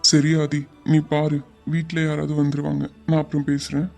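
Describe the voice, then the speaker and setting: A man voicing a cheerful, joking young newlywed in an animated web series. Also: on the high side, moderate pace, creaky, soft background music. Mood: happy. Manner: joking, lighthearted.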